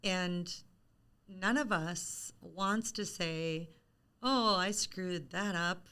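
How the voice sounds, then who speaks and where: A woman's voice: on the low side, drawn-out words, pushed and bright, smooth. A middle-aged woman talking about her work as an author in a casual live-stream interview, frank and chatty, with self-deprecating humor.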